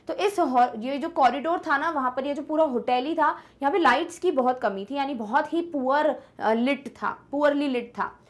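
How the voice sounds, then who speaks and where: A young woman teacher explaining an English story in Hindi, reading English lines slowly and checking if students follow. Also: high voice. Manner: switches between slow English reading and fast Hindi explanation; asks checking questions like "clear?". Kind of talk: Hindi-medium English lesson, explaining text.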